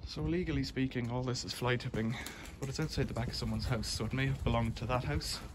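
A man from the UK speaks fast at medium pitch as he vlogs a walk through outdoor back alleys on a handheld phone. His casual commentary is rambling and matter-of-fact, with loud outdoor noise behind it.

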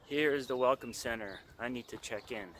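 A travel vlogger in his forties chats casually at a slightly fast pace in a medium-pitched voice, filming himself with a phone held at arm's length. Narrating in a relaxed, chatty way, he talks from inside the car while driving and outdoors at roadside stops, with car and road noise behind him.

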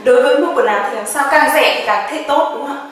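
A woman teaches a grammar lesson in a high voice. She drills each word slowly and keeps asking her students questions. She sounds far from the mic, in a very echoey room. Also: a bit bright. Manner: drills words slowly, asks the class questions often. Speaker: Japanese language teacher.

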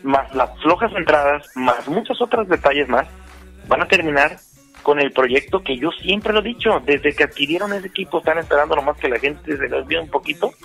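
A man's voice: on the high side, lively intonation, brisk, creaky, fairly bright tone, slightly rough, soft background music. A man with a Mexican accent, a panelist in a heated baseball debate, pushing the others with teasing yes-or-no questions. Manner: pushy, teasing, demands yes-or-no answers.

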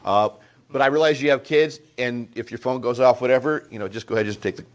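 A man's voice: mid-range voice, fast talker. Middle-aged man telling a story to parents. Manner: anecdotal, animated storytelling with asides to the audience. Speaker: school presenter speaking to parents. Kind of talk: storytelling talk to a small audience.

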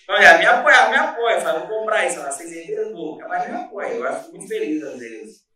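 With a crowd audible behind him, a man with a high, expressive voice and quick pace shares his story in a casual interview. He's a Brazilian Portuguese-accented restaurant and bakery owner, earnest and rambling with frequent restarts, heard through a distant mic in an echoey room.

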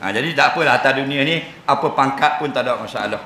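Jokey preacher in an echoey mosque. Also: male voice, medium pitch, fast, pushed and bright, slight background noise. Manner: jokey, keeps checking the audience understands. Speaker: religious lecturer. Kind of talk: humorous mosque lecture with questions to the audience. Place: mosque hall. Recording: roomy mosque hall sound.

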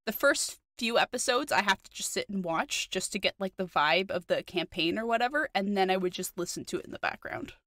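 A woman's voice: mid-range voice, animated, brisk, hardly any pauses, pushed and bright, no room sound. Woman, New Zealand accent, podcast co-host; chatty and eager, dry close sound. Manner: chatty, enthusiastic, many fillers. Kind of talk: casual chat.

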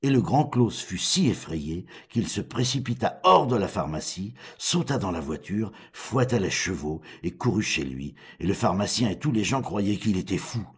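Homme au ton très grave qui lit un conte. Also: male voice, deep voice, moderate pace, hardly any pauses, slightly rough. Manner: expressive, animated voice changes. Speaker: storyteller. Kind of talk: fairy tale reading.

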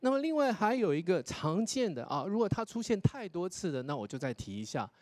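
A man, a pronunciation lecturer judging a contest, explaining feedback to contestants and often tagging his sentences with a soft "ha". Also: sits high, very animated, fairly quick, no echo. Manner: explanatory, demonstrates English pronunciation, tags sentences with 哈. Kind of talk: spoken critique to contestants.

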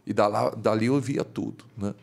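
A man, a bishop, telling a story as a guest in a podcast studio, his voice climbing high whenever he gets excited. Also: normal speed, vocal fry, husky.

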